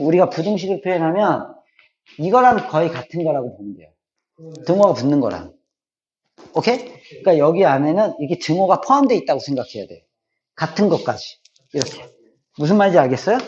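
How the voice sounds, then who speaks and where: A man's voice: fairly high pitch, darkish tone, muffled recording. A middle-aged man teaching a math class, repeating key points and often checking that students follow.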